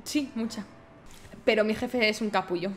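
A woman with an accent from Spain improvising casual role-play in an online game, blunt and quick to swear. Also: medium pitch, slight background noise.

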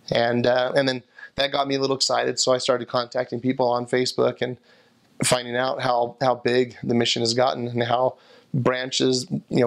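A man in his thirties answers an interview question while seated in an armchair indoors. His gravelly voice stays flat and even, and he rambles through restarts and small fillers as he remembers. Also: mid-range voice. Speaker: returned missionary interviewee.

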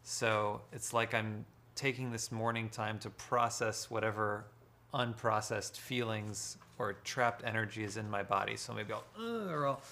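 Man, low gravelly voice, bright edge, slow and deliberate, faint background noise. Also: little pitch movement. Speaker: guest author and empath. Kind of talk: live social-media conversation.

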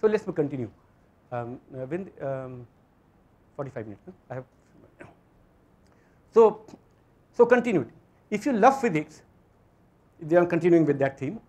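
High-pitched, animated Indian man lecturing. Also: moderate pace, long pauses. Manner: emphatic, repeats phrases, asks rhetorical questions. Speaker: physics lecturer. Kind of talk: motivational lecture to students. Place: auditorium stage.

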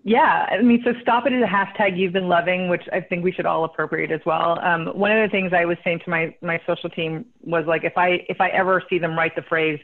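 A woman's voice: on the low side, fairly even intonation, fairly quick, few pauses. A woman hosting a casual live webinar over a video call, bubbly and chatty, with frequent laughs and fillers. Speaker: host and company CEO. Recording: tinny phone-like line.

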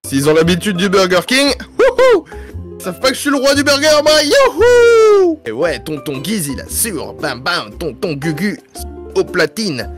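A bumbling, boastful uncle from a video game story, played by a man. His excitable, stammering delivery swings widely in pitch and repeats itself. Soft music sits behind the voice. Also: moderate pace. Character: bumbling, boastful uncle who panics and dodges blame. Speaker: babysitting uncle. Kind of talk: improvised video game role-play film.

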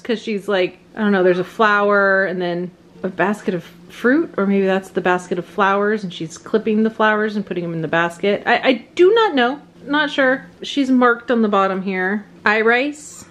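A woman casually showing off her vintage finds at a table at home, chatty and gushing, often trailing off and restarting. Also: medium pitch. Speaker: vintage reseller vlogger. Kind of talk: casual show-and-tell haul narration.

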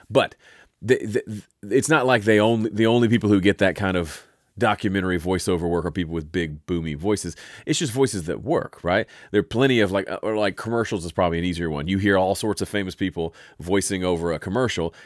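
A man with a deep, resonant voice hosting an audio software tutorial in a relaxed, chatty way. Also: no room sound, clean studio sound. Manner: relaxed, chatty, self-interrupting. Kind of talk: casual spoken tutorial.

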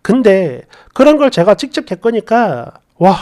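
A woman's voice: mid-range voice, very animated, measured pace, warm tone. A woman narrating a first-person story in a confiding, exasperated, chatty way.

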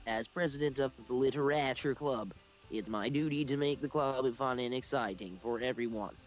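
A man voicing a cheerful teenage girl club president, read in a flat, robotic way that speaks the punctuation aloud. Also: mid-range voice, moderate pace, faint music behind, natural voice. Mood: welcoming. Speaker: let's play voice actor. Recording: dull lo-fi recording.

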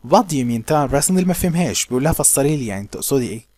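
A man with an Egyptian accent who teaches by reading passages of a novel slowly and then explaining them casually in colloquial speech. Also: mid-range voice, expressive, darkish tone, no echo.

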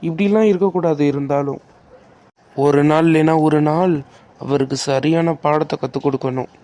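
Guy doing a caring big bro in a cartoon, teasing but kind, slightly high voice. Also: fairly even intonation, normal speed, warm tone, slight background noise, close to an everyday voice. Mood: resentful. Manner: teasing, reassuring. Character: caring older brother, young man. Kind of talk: cartoon voice acting.

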